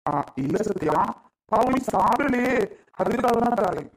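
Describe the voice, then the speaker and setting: Woman doing a soft, apologetic young husband. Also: a little high, lively intonation, measured pace, pitched below the performer's own voice. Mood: gentle. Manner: soft, placating.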